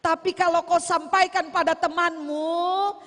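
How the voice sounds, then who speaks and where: A woman's voice: extremely high pitch, steady tone, a little slow, fairly bright tone. A woman preacher, exhorting and pleading with her congregation in a sermon. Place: church sanctuary. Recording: long church reverb.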